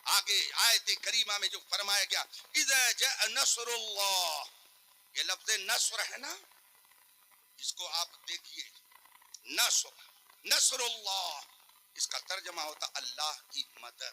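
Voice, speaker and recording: A man preaching a sermon at a public gathering. He moves from soft teaching to loud shouted climaxes and draws out his recitations slowly. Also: high-pitched, lively intonation, low-quality recording. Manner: recites Quranic phrases slowly and drawn out.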